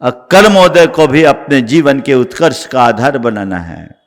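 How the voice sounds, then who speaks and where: A man preaching a sermon as a monk, emphatic, with rhythmic slogans and sudden drops to quiet. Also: mid-range voice, sing-song, a little slow. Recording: long hall reverb.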